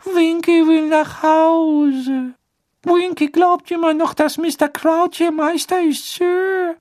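A narrator voicing a tiny, tearful male house-elf who squeaks and talks about himself in the third person. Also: steady tone, slow pace, darkish tone, no room sound, studio quality. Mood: tearful squeaking. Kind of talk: audiobook character voice.

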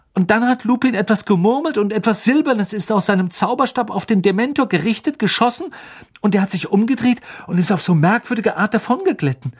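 A man voicing a nervous, excited teenage wizard boy who blurts out a rushed, breathless retelling in an audiobook. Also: high-pitched, vocal fry, breathy edge, voice pushed up, heavily acted.

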